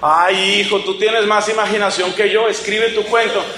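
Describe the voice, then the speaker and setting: A man's voice: sits high, level tone, moderate pace, sharp tone, echoey room, slight background noise. A man doing a tired, indignant father. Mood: weary.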